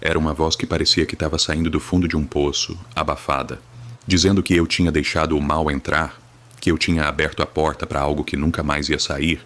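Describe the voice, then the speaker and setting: A man's voice: very deep voice, flat delivery, fairly quick, a bit bright. A Brazilian man reading a first-person horror story in a somber, dramatic, grave manner.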